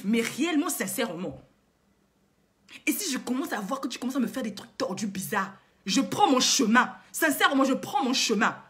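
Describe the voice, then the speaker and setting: High-pitched and a bit bright, a woman coach and vlogger lectures viewers with indignation. Her impassioned moralizing leans on emphatic rhetorical questions and frequent repetition.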